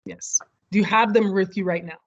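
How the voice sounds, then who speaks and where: The voice is a woman's, mid-range and fairly even in intonation, moving a little fast. As leader of an online study group, she explains a topic on a video call and checks in with everyone. She is at home near street fireworks, and the audio comes through muffled.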